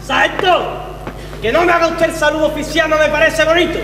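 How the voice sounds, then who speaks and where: An actor playing a pompous patriotic army captain, declaiming in a comic stage sketch. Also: male voice, extremely high pitch, steady tone, a little fast. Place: theatre stage, far camera. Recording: echoey theatre hall, faint hum.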